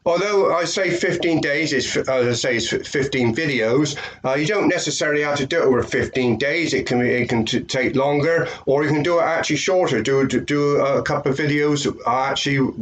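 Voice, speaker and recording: Fairly high-pitched and fairly quick, an older British man barely pauses as he speaks to his webcam in a small room. He's an affiliate marketer, nasal from a cold, rambling with many fillers and repeats.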